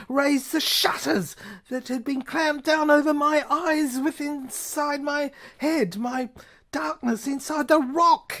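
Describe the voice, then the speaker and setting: A woman with a voice on the high side performs dramatic first-person narration for a science fiction audio play. Her delivery is intense and halting, repeating phrases and sometimes falling toward a whisper.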